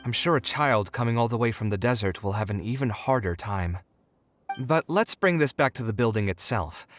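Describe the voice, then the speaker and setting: Kaveh, a lively young architect, voiced by a man. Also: medium pitch, no echo, close to an everyday voice. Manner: expressive, concerned, animated. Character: young male architect, passionate and expressive. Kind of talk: video game voice acting. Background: game music.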